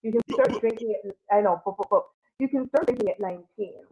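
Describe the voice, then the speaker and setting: A woman's voice: medium pitch, fast, dark tone. A woman in her thirties, born in Jamaica and raised in Canada, co-hosting a casual livestream chat. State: a bit under the weather. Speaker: co-host. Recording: dull lo-fi stream audio.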